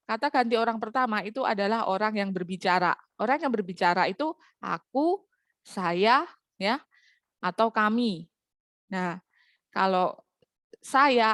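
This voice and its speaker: A woman's voice: mid-range voice, fairly bright tone, no room sound, clean studio sound. A woman teaching a school grammar lesson, explaining step by step and checking in with her students as she goes. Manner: explains patiently with frequent "nah" and "ya".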